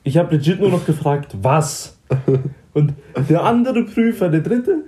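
A young man chats casually and tells a story, slipping into slang and playing out the dialogue himself. His voice is dark and mellow, with no strain. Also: sits high, animated, a little slow. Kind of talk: casual chat.

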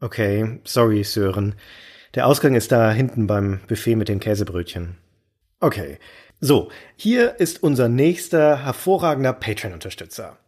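A man's voice: lowish voice, animated, normal speed, a little mellow. A man hosting comedic scripted banter, playful and mock-exasperated. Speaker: host.

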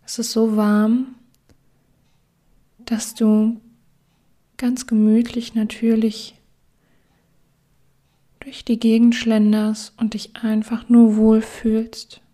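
Soft-whispering woman guiding a meditation. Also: a little high, completely flat delivery. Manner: soft whispering, slow and soothing. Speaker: meditation guide. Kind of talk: guided relaxation meditation.

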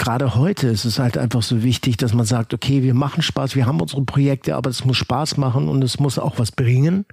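A man being interviewed, telling long stories in a relaxed, rambling way with many fillers and restarts. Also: medium pitch, creaky, dry recording, clean studio sound. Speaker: guest. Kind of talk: casual interview talk.

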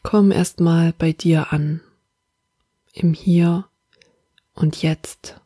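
Breathy soft-spoken woman guiding meditation. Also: low-pitched, drawn-out words, no echo, clean studio sound. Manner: soft, half-whispered, calm and soothing. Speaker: meditation guide. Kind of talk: guided meditation.

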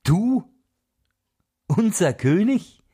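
A man's voice: high voice, big pitch swings, slow pace, a little mellow, voice pushed up, heavily acted. A man voicing a flock of indignant, angry birds in a storybook reading.

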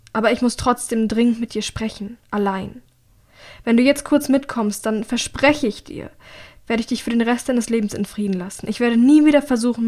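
A woman reading an audiobook, voicing an urgent young woman who pleads in hushed, half-whispered tones. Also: fairly high pitch, close to an everyday voice.

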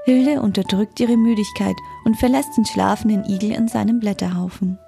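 A woman tells a children's story in a calm, even manner. Her tone is mellow and warm, at a middle pitch. Faint music plays beneath her. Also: moderate pace, gravelly. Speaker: narrator. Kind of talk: scripted children's story narration.

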